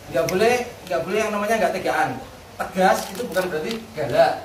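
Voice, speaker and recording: A man's voice: high voice, a little fast. Earnest firm man, echoey distant sound. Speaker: guest dog owner. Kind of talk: casual chat about dog training. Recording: roomy, distant mic, faint noise.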